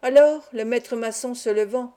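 A woman reads a novel aloud in a calm, measured way. Her voice sits a little high and sounds warm and mellow. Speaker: audiobook reader. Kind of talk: audiobook narration.

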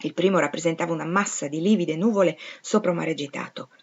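A woman reads a classic novel aloud in the first person, steady and measured. Her voice sits a little low. The recording sounds slightly dull and lo-fi. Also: husky. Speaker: audiobook reader. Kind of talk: literary reading in first person.

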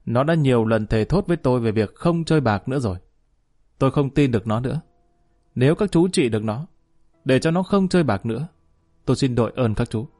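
Man voicing hard-hearted older father, cold and cutting, mid-pitched. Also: expressive, brisk, a little mellow, close to an everyday voice. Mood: cold scolding.

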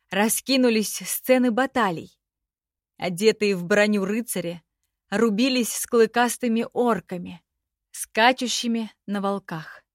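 A woman narrating a fantasy audiobook in an even, steady storytelling voice. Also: mid-range voice, no echo, clean studio sound.

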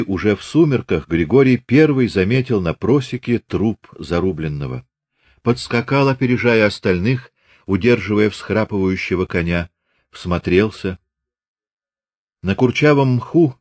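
A man narrating a classic novel as an audiobook in a steady, measured reading. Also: lowish voice, no room sound. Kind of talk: scripted literary narration.

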